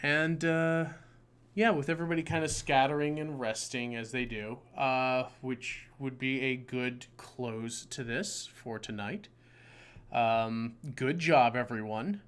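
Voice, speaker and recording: A man acting as game master for a tabletop game gets excitable, swears, and stumbles over his words. His voice is medium-pitched and clean in tone, and he speaks slowly.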